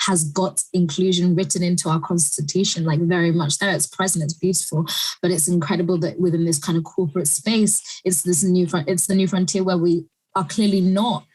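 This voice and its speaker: A South African woman moderating a panel, talking fast and fluently. Her voice is husky and sits fairly low, with an engaged, affirming tone. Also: fairly even intonation, a little mellow, rough recording. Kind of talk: panel discussion.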